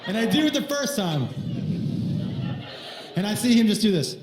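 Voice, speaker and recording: A man's voice: high voice, normal speed, echoey room, a crowd in the background, noisy background. A man doing stand-up, telling a crude prank story and acting out the other voices. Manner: animated, acts out voices and crude jokes. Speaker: stand-up comedian.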